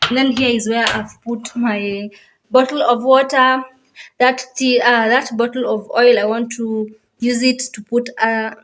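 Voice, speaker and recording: A woman's voice: on the high side, fairly bright tone. A woman vlogger with a Kenyan accent, casually explaining things step by step and repeating her phrases as she goes. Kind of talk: casual home tour explanation.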